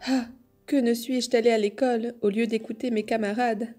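Woman reading a small wooden puppet boy, scared and pleading, mellow soft voice, storybook. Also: fairly high pitch, level tone, moderate pace, faint music behind, lightly acted. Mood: sobbing. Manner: pleading, trembling.

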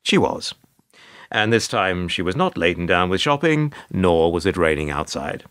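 In a radio play monologue and dialogue, a male actor plays a world-weary, put-upon hotel receptionist narrating his troubles. His deep voice moves at a moderate pace with lively intonation, sounding weary, wry and resigned, long-winded and formal. The sound is dry and close with no room ambience.

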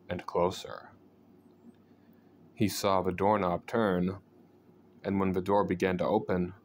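Low-voiced man slowly narrating a horror story. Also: a little hiss or hum. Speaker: storyteller reading aloud from a book.

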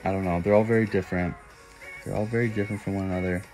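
Racing through viewer comments with fairly even intonation, a young man chats playfully on his phone livestream and breaks into high owl hoots. His voice is somewhat low for a man, picked up close by the phone in a small room with faint background music.

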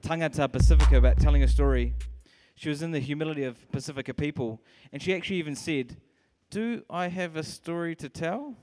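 A man's voice: a little high, brisk, hardly any pauses, mellow, faint music behind. A man in his thirties hosting an on-stage interview, upbeat but stumbling on fillers, speaking into a handheld mic. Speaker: host. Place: large hall with stage and audience.

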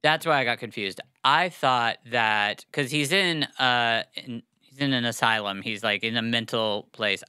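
Seated in a small studio at a boom-mounted mic, a young podcast co-host chats informally about a book, stumbling through fillers and restarts. He speaks unhurriedly with hardly any pauses, his mid-range voice sharp, clear and resonant, with no echo.

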